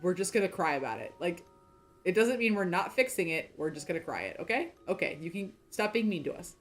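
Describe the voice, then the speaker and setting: A woman in her thirties with a somewhat low voice chatting through a game playthrough. She rambles and pokes fun at herself, trailing off and restarting often. Soft music plays faintly behind her. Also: expressive, a little fast. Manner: rambling and self-deprecating, many fillers and restarts. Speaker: game streamer. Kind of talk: casual chat during a game playthrough.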